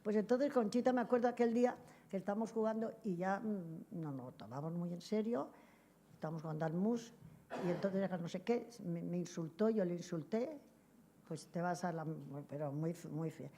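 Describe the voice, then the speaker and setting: A woman's voice: lowish voice, normal speed, warm tone, a little hiss or hum. An older woman recalls old times for an interviewer in a meandering, chatty way. She digresses often and drifts off topic. She acts out snatches of other people's dialogue and laughs easily as she talks. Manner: rambling, digressive storytelling with frequent laughs. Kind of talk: reminiscing anecdotes in an interview.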